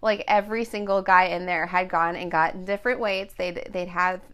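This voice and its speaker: A woman's voice: on the low side, steady tone, normal speed, fairly bright tone, smooth. Chatty woman group fitness instructor. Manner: chatty, quotes herself telling people what to do. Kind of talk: casual podcast chat.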